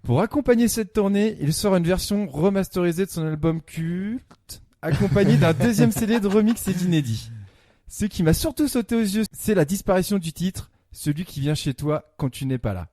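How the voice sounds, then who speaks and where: A man's voice: sits high, animated, normal speed, mellow, no room sound, studio quality. A man presenting a scripted comic music column as a mock-detective story, with punchy asides.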